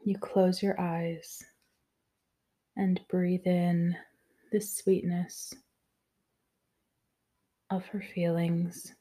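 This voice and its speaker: A woman guides a meditation in a gentle, soothing voice that often falls to a whisper. She speaks very slowly and evenly, in a low, mellow tone with almost no rise and fall. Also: little pitch movement.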